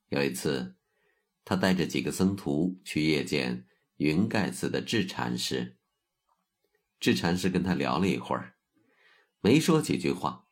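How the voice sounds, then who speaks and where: A middle-aged man tells a story in a steady, measured narration. His voice sits very low and has a husky edge, yet it moves with a lively rise and fall. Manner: slow, measured storyteller's delivery. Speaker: host and narrator.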